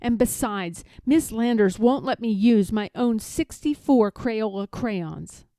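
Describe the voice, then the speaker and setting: A woman's voice: on the high side, takes it slowly, mellow, dry recording. A woman reading a storybook, voicing an earnest little boy with a plaintive, insistent manner. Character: earnest, indignant little boy, budding artist. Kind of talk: children's storybook read-aloud.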